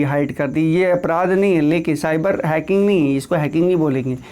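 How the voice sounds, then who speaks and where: A man's voice: high-pitched, a little mellow. Casual Indian male coaching teacher. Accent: Hindi-speaking north Indian. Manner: conversational, repeats points, frequent "theek hai" check-ins. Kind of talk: lecture on law for exam preparation.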